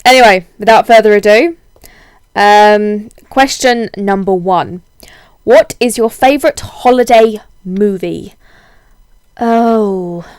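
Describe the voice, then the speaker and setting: Young woman, unhurried pace, dry close sound, hoarse from a cold, casual vlog chat, wryly dramatic. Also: mid-range voice, a little mellow, dry recording. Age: young adult. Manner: rambling, self-deprecating, wryly dramatic. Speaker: video blogger. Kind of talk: casual chatty vlog, answering tag questions.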